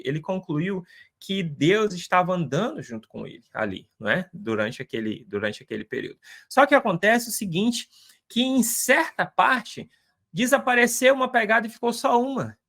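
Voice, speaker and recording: A man's voice: on the high side, creaky, fairly bright tone. A man giving an informal Bible lesson, talking conversationally, repeating phrases and checking in with tag questions. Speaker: Bible teacher.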